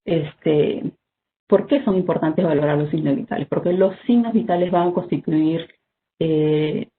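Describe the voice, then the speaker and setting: Health instructor over tinny call audio. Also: medium pitch. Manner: measured, explanatory, frequent "¿no?" tags and "este" fillers. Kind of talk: online first-aid training talk. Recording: tinny phone-like video call audio with faint noise.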